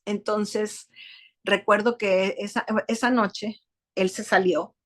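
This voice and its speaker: A woman's voice: medium pitch, steady tone, slow pace. A woman with a Mexican accent giving an emotional, earnest personal testimony to a support group, often adding a questioning "no?" and repeating words. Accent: Mexican Spanish.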